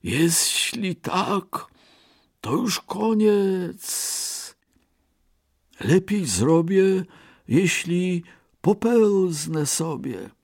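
A man's voice: sits high, very animated, gravelly, no room sound, clean studio sound, pitched above the performer's own voice, heavily acted. Man doing a hissing, anxious snake. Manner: slow, hissing, worried.

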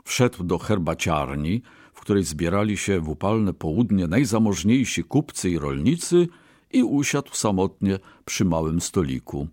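A man reading a storybook tale aloud with a measured, expressive delivery. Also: deep voice, no echo, studio quality. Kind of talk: storybook narration.

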